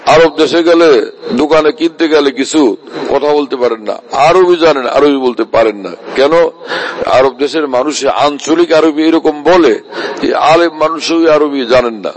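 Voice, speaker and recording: A man's voice: on the high side, a little slow, rough recording. A man preaching a sermon, asking his listeners again and again whether they understand. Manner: rhetorical, repeats "do you understand" to listeners.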